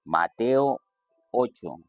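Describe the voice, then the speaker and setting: A man preaching a sermon, reading scripture and stressing quoted lines with sudden lifts in pitch. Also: expressive, drawn-out words, no room sound, lo-fi sound, soft background music.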